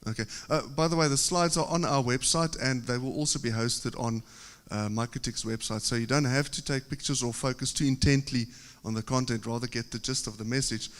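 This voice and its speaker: This South African-born man speaks with a mid-range voice and a South African accent, explaining things steadily at a conference podium with the odd filler pause. His technical presentation echoes through a large, reverberant conference hall.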